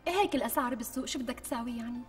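A woman's voice: fairly high pitch, very fast, husky. An actress playing a greedy young wife with a Damascene Syrian accent, coaxing and guilt-tripping her fiancé in a TV sitcom. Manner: wheedling, guilt-tripping, indignant bursts. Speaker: scheming bride-to-be. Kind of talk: TV sitcom acting. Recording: distant mic with faint music.

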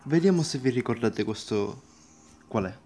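A man's voice: medium pitch, expressive, normal speed, dark tone, a little hiss or hum. A young man hosting a gaming channel, commentating a mobile game casually, exclaiming, laughing often and tripping over his words.

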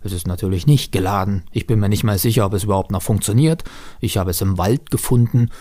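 A man reading his own first-person story aloud on stage, in a lively, expressive storytelling manner. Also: fairly low pitch, fast.

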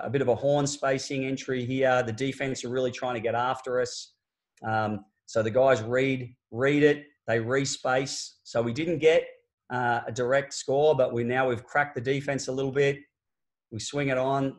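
A man, a basketball coach explaining game clips in an online clinic, talking conversationally with fillers and restarts from a small office on a laptop mic. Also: mid-range voice. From Australia. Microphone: laptop webcam on a video call.

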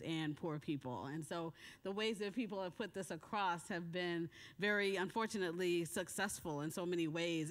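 Woman speaker at a conference, talks fast, laughs a lot, hotel meeting room. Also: on the low side. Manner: hurried, self-deprecating, laughs often. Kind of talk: conference talk with slides.

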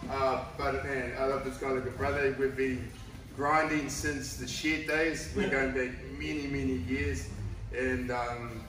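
Hesitant New coach, far off. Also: male voice, mid-range voice, level tone, a little slow. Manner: hesitant, heartfelt, casual. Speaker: gym owner and head coach. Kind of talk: informal speech at a belt ceremony. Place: indoor martial arts gym. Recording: echoey gym from far off with background noise.

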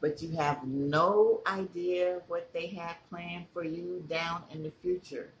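A man's voice: high voice, steady tone, takes it slowly. A man from California, a mukbang vlogger, talking casually to the camera while chewing and putting questions to his viewers. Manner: chatty, asks viewers questions. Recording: echoey room with faint ambient noise.

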